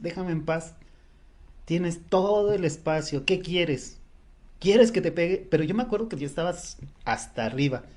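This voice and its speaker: Mellow-voiced Mexican man telling a story. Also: mid-range voice. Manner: vivid storyteller, animated retelling of personal anecdote. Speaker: psychologist podcast co-host. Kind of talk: casual conversational podcast.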